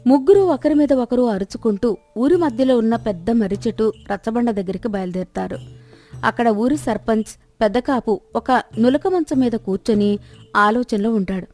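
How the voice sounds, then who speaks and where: Lady reading a folk story, calm steady telling, warm dark tone, soft music behind. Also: a little high, brisk. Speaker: narrator. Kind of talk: storybook narration.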